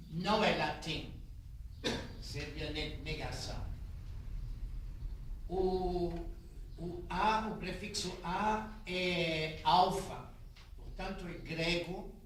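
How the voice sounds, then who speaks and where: A man's voice: sits high, a bit bright, a little hiss or hum. Man lecturing, heard on old worn cassette tape. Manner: deliberate, defines terms and repeats them carefully. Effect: old worn cassette tape recording. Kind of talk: lecture on music terminology. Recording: old cassette tape, echoey hall, mic far off.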